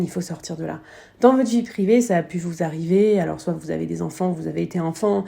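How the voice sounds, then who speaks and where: A woman's voice: mid-range voice, gravelly, dark tone. A woman with a French accent giving a business coaching lesson, explaining ideas with emphasis and acting out short quoted examples.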